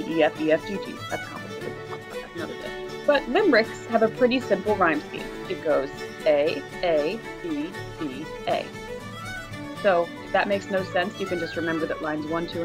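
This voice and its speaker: A woman giving a casual online poetry lesson, chatty and informal with frequent fillers. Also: lowish voice. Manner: chatty and informal, with many ums and likes. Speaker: teacher.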